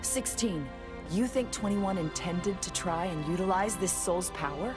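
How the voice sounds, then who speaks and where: An actress playing an aloof, sharp-tongued young female android in a video game, talking drily and sarcastically. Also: on the low side, a little slow, over music, close to an everyday voice. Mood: businesslike. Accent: American. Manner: dry, sarcastic. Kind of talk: video game cutscene acting.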